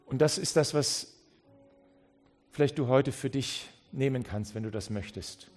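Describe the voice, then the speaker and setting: A man's voice: mid-range voice, a little slow, a little mellow, soft background music. A man preaching a sermon with passion, often acting out the people he quotes. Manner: passionate, acts out quoted speech, many restarts.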